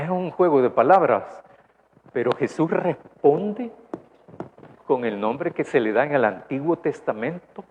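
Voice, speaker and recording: A man's voice: medium pitch, a little mellow. A man with a Salvadoran accent preaching a conversational sermon, often asking his congregation questions. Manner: asks the congregation questions, tag "¿verdad?". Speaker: pastor. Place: church. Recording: dull lo-fi church recording, faint noise.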